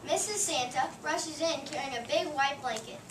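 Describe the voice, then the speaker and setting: A woman narrating, reading the stage directions of a play in a plain, steady voice. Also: sits high, moderate pace. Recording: echoey room, distant mic, noise.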